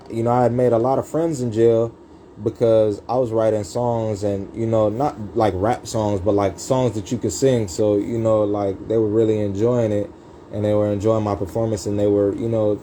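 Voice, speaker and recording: Low-voiced man telling his story with street slang. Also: fairly even intonation, normal speed, mellow, slight background noise, low-quality recording. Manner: rambling, profane, street slang, many fillers. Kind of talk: casual storytelling from a livestream.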